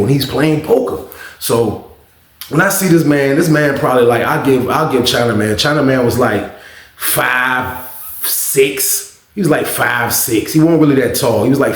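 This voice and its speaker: A man's voice: medium pitch, reverberant. A man casually telling a story to his viewers, rambling and often adding filler phrases. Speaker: vlogger.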